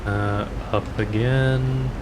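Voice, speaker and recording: A man's voice: medium pitch, fairly even intonation, extremely slow, noisy background. A man streaming a game, chatting playfully and joking to himself as he plays. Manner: playful, jokey, talking to himself. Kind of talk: casual gameplay commentary.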